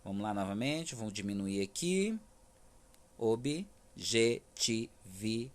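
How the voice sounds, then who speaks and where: Brazilian guy teaching kids remotely, patient, stretches words out syllable by syllable, middle pitch. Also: expressive, measured pace. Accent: Brazilian Portuguese, Federal District. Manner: patient, stresses words syllable by syllable, frequent "tá?" checks. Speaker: primary school teacher. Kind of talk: remote class explanation.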